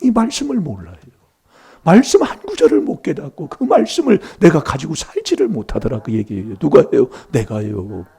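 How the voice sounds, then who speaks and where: A man's voice: a little high, wildly swooping pitch, normal speed, vocal fry, mellow, breathy edge. A middle-aged man preaching a sermon in a church, emphatic and prompting the congregation for replies.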